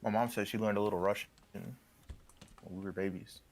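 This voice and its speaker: A man chatting casually with a friend while they both work on models, laid-back and quick to tease. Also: fairly low pitch, fairly even intonation, a little mellow. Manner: laid-back, teasing banter. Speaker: co-streamer, fellow modeller. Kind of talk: casual chat.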